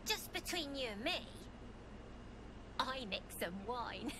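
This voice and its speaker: A woman's voice: high voice, very animated, takes it slowly, a crowd in the background, heavily acted. A woman voicing a sly tiefling child schemer in a video game, speaking in a confiding, conspiratorial way. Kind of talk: video game character acting.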